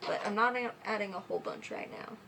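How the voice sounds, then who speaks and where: A woman's voice: medium pitch, fairly even intonation, fast, vocal fry, noisy background. A drunk woman giving a casual, chatty makeup tutorial, fumbling and tripping over her words as she goes.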